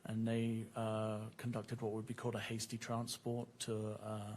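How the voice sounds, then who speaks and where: A man gives formal testimony under cross-examination in a courtroom. His fairly low voice is strikingly monotone, with measured, factual phrasing. The recording carries some noise. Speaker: witness, former police officer.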